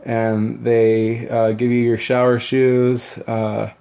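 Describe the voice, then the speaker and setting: A man's voice: medium pitch, completely flat delivery, takes it slowly, creaky, mellow. A young man telling a loose, rambling story about boot camp, full of fillers and restarts. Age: young adult. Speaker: new Marine recalling boot camp. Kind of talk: casual storytelling vlog.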